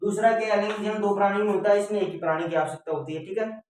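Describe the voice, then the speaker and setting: A man's voice: sits high, level tone, very fast, darkish tone, a little hiss or hum. A man teaching a biology lesson, repeating points and checking in with "theek hai?" and calling students "beta". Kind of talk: classroom-style lecture. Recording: very echoey room, mic far off.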